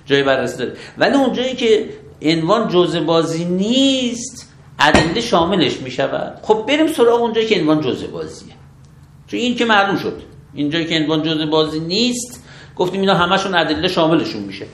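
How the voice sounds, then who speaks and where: A man, a religious law scholar, explaining rulings step by step in an interview, measured and methodical. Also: a little high, sing-song, reverberant. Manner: measured, methodical, affirms with short approvals.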